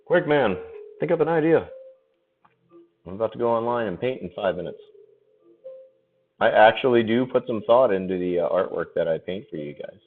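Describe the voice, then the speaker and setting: A man's voice: lowish voice, animated, moderate pace, pauses often. A man painting during a live stream, chatting casually, laughing often and swearing freely as he answers viewers. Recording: tinny phone-like audio with faint music.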